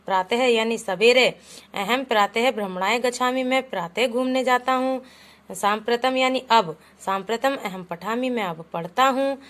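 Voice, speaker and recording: Her voice sits a little high and a bit bright, moving at a normal speed. In this classroom lesson she explains Sanskrit words in Hindi to children, patiently addressing them as "beta" and reading every example aloud before translating it.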